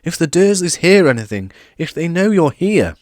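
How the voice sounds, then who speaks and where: A polite young wizard boy, awkward and hushed, trying to keep things quiet, as a male narrator reads him. His voice is lifted a little above the narrator's and moves up and down freely. The sound is close and dry. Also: fairly high pitch, sing-song, normal speed, dry recording, pitched above the performer's own voice. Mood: flustered.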